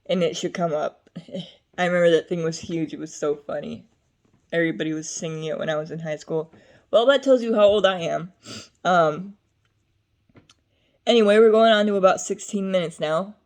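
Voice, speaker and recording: A woman's voice: on the low side, normal speed, long pauses. Young woman, vlogger, casual talk to camera, rambling, chatty, lots of fillers. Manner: rambling, chatty, drifts between topics with frequent fillers.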